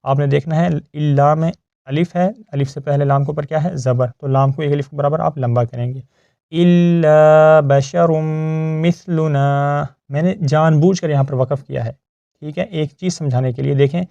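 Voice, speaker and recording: Guy teaching quran reading, patient, slow drawn out recitation, dry dull lo-fi sound. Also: on the high side, vocal fry, mellow, no echo. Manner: explains rules patiently, often checks "theek hai?"; recites verses slowly and drawn out. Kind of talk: step-by-step recitation lesson.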